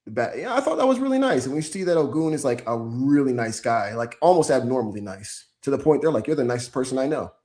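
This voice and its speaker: A man co-hosting a podcast, chatting casually about anime with playful, animated bursts. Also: medium pitch, fast, hardly any pauses. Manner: animated, playful, bursts into loud mock chants. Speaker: podcast co-host.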